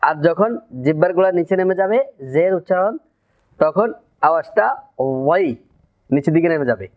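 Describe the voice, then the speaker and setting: Male Quran teacher, slightly high voice, patient drill-style delivery, muffled lo-fi recording. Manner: explains step by step, drills letter sounds slowly. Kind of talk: Quran pronunciation lesson.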